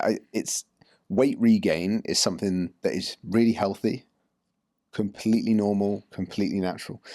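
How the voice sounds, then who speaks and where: A man's voice: sits low, a little mellow, no echo, clean studio sound. A man, a fitness coach, co-hosting a casual podcast chat and rambling with many restarts.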